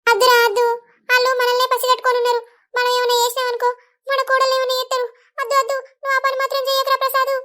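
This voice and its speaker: A fussing cartoon mother-in-law from a Telangana village, voiced by a woman. She speaks very high and rapidly on a narrow, flat line of pitch. She worries aloud in a Telangana Telugu accent. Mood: fearful. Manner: fretful, fussing. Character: anxious middle-aged village mother-in-law.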